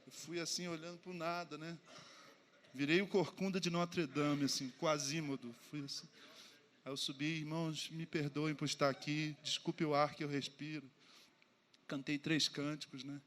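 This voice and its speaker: A man with a Brazilian Portuguese accent, a pastor preaching to his congregation with animated, self-mocking storytelling and acted-out dialogue. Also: a little high, normal speed, a little hiss or hum. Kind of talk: humorous sermon storytelling. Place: church service before a congregation.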